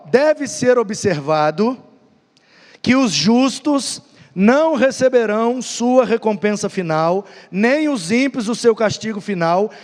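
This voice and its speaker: A pastor with a Brazilian accent teaching a Sunday Bible class, explaining with rhetorical questions and stories. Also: male voice, high voice. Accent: Brazilian Portuguese. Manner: lively, storytelling, rhetorical questions. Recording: long hall reverb.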